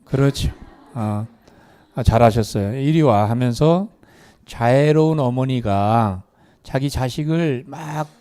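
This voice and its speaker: A man's voice: medium pitch, warm tone, smooth. A man lecturing a live meditation class, asking the audience questions and leading them through exercises. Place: meditation hall.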